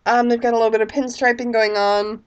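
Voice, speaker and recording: A woman's voice: on the high side, little pitch movement, fast talker, clean tone, lo-fi sound. A woman in her thirties with a sick voice, chatting casually and rambling as a vlogger. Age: 30s. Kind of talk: casual chat.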